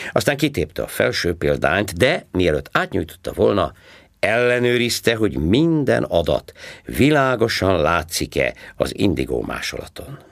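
A man reading a story aloud in a calm, low, unhurried way. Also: vocal fry, no room sound, studio quality. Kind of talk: audiobook narration.

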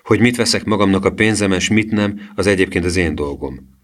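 A man's voice: sits low, pitched above the performer's own voice, lightly acted. A man voicing a stubborn young boy who talks back with indignation, in an audiobook reading. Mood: defiant.

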